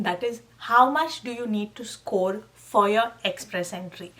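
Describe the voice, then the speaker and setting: A woman's voice: a little high, fairly bright tone. A young woman hosting a casual tutorial, talking animatedly and emphatically to her viewers, often calling them guys and checking in with okay. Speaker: channel host giving exam tips. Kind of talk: casual tutorial talk to camera.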